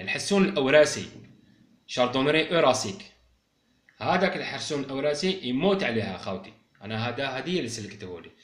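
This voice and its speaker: A man's voice: mid-range voice, reverberant. A man with an Algerian accent, a bird keeper explaining things casually and speaking directly to his viewers.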